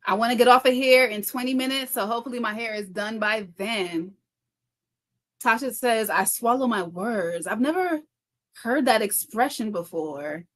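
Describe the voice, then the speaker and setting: Her voice sits on the high side and sounds fairly bright as she chats on a casual livestream, reading out what viewers have commented. The delivery is rapid and stumbling, with frequent repeated phrases.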